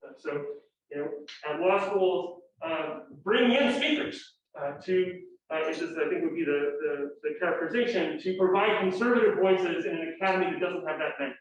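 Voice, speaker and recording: A man's voice: fairly high pitch, moderate pace. A man speaking on a panel, rambling with many restarts and hesitations. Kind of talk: panel talk. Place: lecture room. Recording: distant, echoey, dull lecture-room audio.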